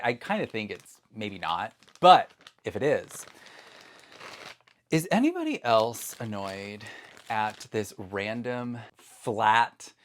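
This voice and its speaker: A man chatting casually to his viewers in a vlog, excitable and full of asides, recorded on a phone at home. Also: fairly low pitch. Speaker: doll collector vlogger. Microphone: phone camera.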